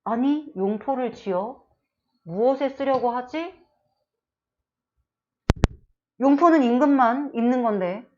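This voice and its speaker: A woman's voice: on the high side, moderate pace, dull audio, close to an everyday voice. A suspicious, indignant emperor, as a woman teacher plays him. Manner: blunt, indignant questioning. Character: suspicious aging male emperor, quick to doubt.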